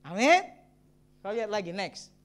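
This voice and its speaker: A middle-aged man, a pastor, preaching a sermon and telling his own story in a lively way with exclamations and chuckles. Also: high-pitched, moderate pace. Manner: addresses the congregation as brothers and sisters. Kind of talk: sermon with personal testimony.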